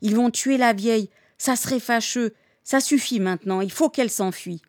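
A woman's voice: fairly high pitch, moderate pace, darkish tone, no echo, studio quality, close to an everyday voice. A woman voicing a stern male rebel leader who barks curt orders and grumbles. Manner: barking curt commands, grumbling.

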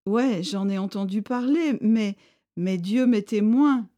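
A woman's voice: medium pitch, slow, mellow, close to an everyday voice. A woman voicing a frightened, timid peasant man who talks nervously and pleads.

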